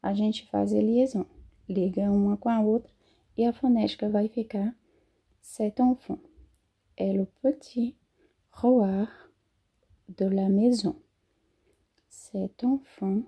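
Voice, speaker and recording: A Portuguese-speaking woman teaching French pronunciation, saying each word slowly and then translating it. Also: medium pitch, fairly even intonation, mellow, husky. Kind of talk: slow phonetics lesson. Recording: dull lo-fi sound.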